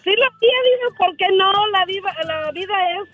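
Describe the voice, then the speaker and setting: A woman's voice: extremely high pitch, lively intonation, brisk, a bit bright. A woman calling in to a radio show, chatty and playful. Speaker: caller. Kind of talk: phone-in chat. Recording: dull, dry phone line.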